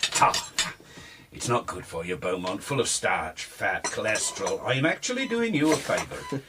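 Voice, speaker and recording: A grumpy, sarcastic police sergeant. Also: male voice, on the low side, huge pitch swings, moderate pace, heavy background noise. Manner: gruff, sarcastic, bossy. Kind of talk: radio drama acting.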